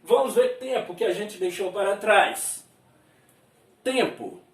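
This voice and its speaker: A Brazilian man teaching a lesson at a board, explaining slowly, drawing out sounds and chuckling often. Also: high voice. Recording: roomy and distant from the mic.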